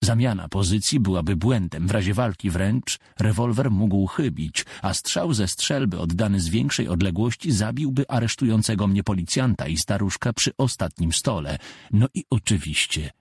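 A man reading a first-person audiobook in a measured, deadpan way. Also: low voice, husky, dry recording.

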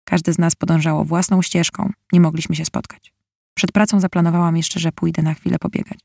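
Gravelly-voiced woman reading a novel. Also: lowish voice, flat delivery, brisk, a little mellow, no echo, studio quality. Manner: emotional, bitter. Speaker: audiobook narrator. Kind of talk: first-person novel narration.

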